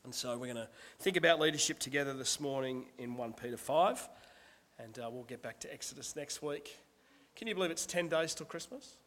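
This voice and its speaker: Husky-voiced pastor, hall reverb. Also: male voice, medium pitch, animated, brisk, a bit bright. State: husky from a cold. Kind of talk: sermon.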